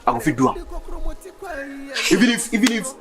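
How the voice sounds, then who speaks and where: An actor playing an eager, flashy young suitor who talks with a Ghanaian accent in a boastful, pidgin-laced way, with music under the dialogue. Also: male voice, high-pitched, big pitch swings, fairly quick. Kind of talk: comedy series acting.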